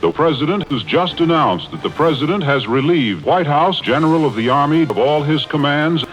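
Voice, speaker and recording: A man's voice: a little high, expressive, moderate pace. A man announcing an interrupting news bulletin in a formal manner, heard as an old archival radio broadcast. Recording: dull lo-fi old radio recording with faint music.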